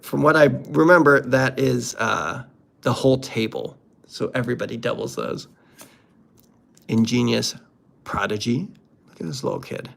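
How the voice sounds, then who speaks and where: A man hosts a casual unboxing, opening card packs while giving playful, jokey, exclamatory commentary. His voice is medium-pitched and creaky.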